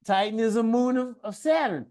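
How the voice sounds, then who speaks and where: A man's voice: extremely high pitch, fairly quick, darkish tone. A man teaching a one-on-one science lesson, patient and encouraging, guiding his student with questions and praise.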